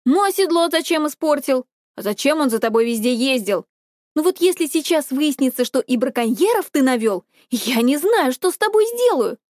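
A woman voicing a hot-tempered young teenage girl who shouts in high, shrill outbursts. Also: big pitch swings, moderate pace, no echo, clean studio sound.

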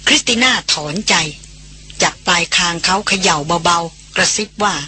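A woman narrating a novel in a measured, even way as an audiobook reader. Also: on the low side, slight background noise.

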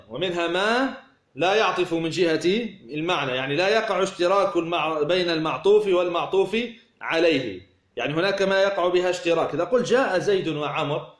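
A man teaching a grammar lesson, explaining with worked examples and asking the class rhetorical questions. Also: sits high. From Tunisia. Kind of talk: classroom lecture. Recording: echoey room.

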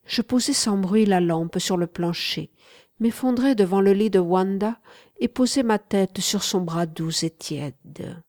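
A woman narrating a literary audiobook in a slow, hushed manner, often sinking to a whisper. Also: mid-range voice, dry recording, studio quality.

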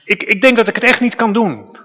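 A man's voice: high-pitched, brisk, pushed and bright, voice pushed up. A man voicing Moses as a hesitant figure full of excuses. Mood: reluctant. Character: reluctant, hesitant old Moses. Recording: reverberant church hall.

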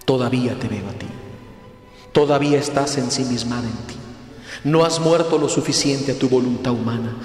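Man voicing a soft-spoken holy mother. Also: medium pitch, moderate pace, natural voice. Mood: admonishing. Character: gentle but demanding holy mother. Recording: echoey hall with faint music.

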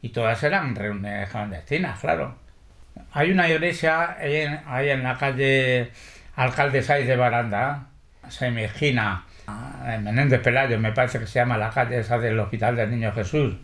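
In an oral history interview about his past, an older Spanish man tells lively stories loaded with salty slang, quoting other people along the way. He speaks at a medium pitch and normal speed.

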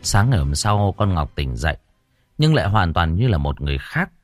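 Male horror narrator, low voice with wild swings, dry sound, faint music under. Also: very animated, a little fast, darkish tone. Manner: dramatic, swinging intonation. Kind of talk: audiobook horror story narration.

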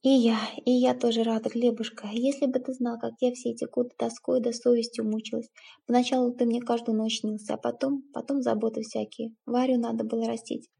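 A woman reading the part of a middle-aged stepmother who speaks in a halting, tearful, self-reproaching way. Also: fairly high pitch, little pitch movement, gravelly, mellow, husky, exaggerated voice. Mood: guilty, tearful.

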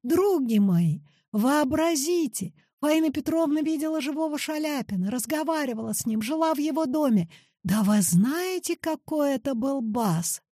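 A woman doing a gushing, excitable male music teacher. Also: high voice, moderate pace, dry recording, clean studio sound, pitched above the performer's own voice. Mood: excited. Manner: effusive, theatrical.

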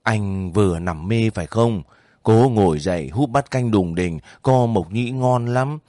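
A man's voice: fairly low pitch, a little slow, dark tone, no echo, studio quality, lightly acted. A man voicing a caring young male soldier who coaxes his sick comrade in a homely way. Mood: coaxing. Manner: coaxing, homely.

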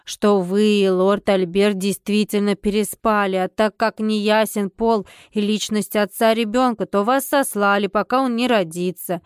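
A woman voicing a sly male household helper, telling gossip slowly and conspiratorially. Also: mid-range voice, fairly even intonation, clean tone, no echo, studio quality, close to an everyday voice.

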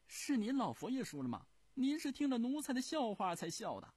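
A man voicing a sly, fawning male eunuch servant at an imperial court, wheedling and shrill. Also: sing-song, brisk, a little mellow, breathy edge, dry recording, exaggerated voice. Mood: pleading.

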